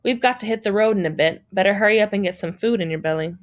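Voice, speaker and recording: A woman's voice: mid-range voice, fast, lightly acted. Joking grandfatherly man read by a woman, playful teasing, storybook voice. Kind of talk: audiobook reading.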